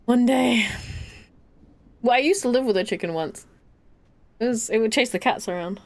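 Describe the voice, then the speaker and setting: Here a woman with a slightly high voice at a normal speed is live-streaming a game. She keeps up casual chat with viewers and a friend and laughs a lot.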